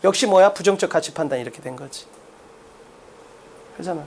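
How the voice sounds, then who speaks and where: A man's voice: a little high, a little fast, darkish tone, a little hiss or hum. A man lecturing on exam English at a blackboard, blunt and brash, firing rhetorical questions at students. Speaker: English test-prep lecturer.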